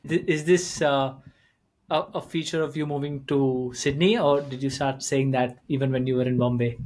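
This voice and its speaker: A man from India in his thirties hosting a podcast, talking in a relaxed, rambling way with lots of fillers. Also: mid-range voice, normal speed. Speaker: podcast host. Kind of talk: casual conversational interview.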